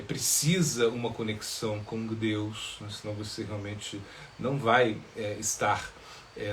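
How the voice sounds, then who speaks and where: A man, a monk, answering questions in a live spiritual talk, pausing often with filler sounds and tag questions. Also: lowish voice, a bit bright, a little hiss or hum.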